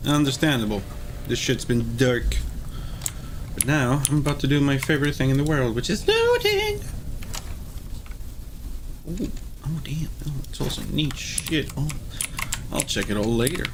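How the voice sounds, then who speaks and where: A man's voice: mid-range voice, normal speed, noisy background. A man hosting a game playthrough, chatting casually in a playful, rambling, sweary way with game music behind him. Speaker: video game playthrough host. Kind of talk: casual gameplay commentary.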